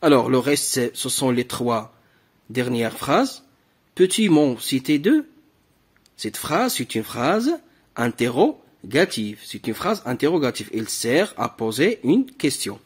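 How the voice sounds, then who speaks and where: A man's voice: mid-range voice, big pitch swings, slow, husky. A man teaching a French grammar lesson to primary pupils, patiently repeating key words and asking questions.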